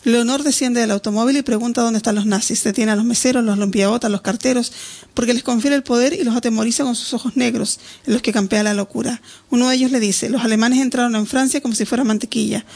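A woman narrates an audiobook in a steady, descriptive manner. Her voice carries a gravelly, creaky texture throughout. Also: on the high side, quick pace.

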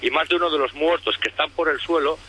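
A man from calling in to a radio show over the phone, talking in a halting way and piling up details with many restarts. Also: fairly high pitch, bright, forceful tone, slight background noise. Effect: heard over a phone line. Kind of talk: call-in conspiracy talk.

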